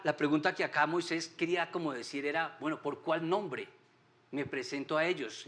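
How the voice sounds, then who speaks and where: A man's voice: a little high, a bit bright. A man teaching a Sunday Bible class at church, often putting rhetorical questions to his listeners. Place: church meeting room.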